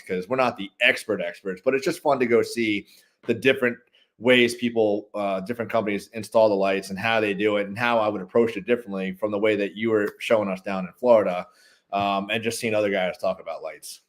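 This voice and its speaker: A man chats in a casual interview, rambling through animated stories about his lighting work. His voice sits somewhat low, and he talks loosely, with many fillers. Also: fast. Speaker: guest, holiday lighting business owner.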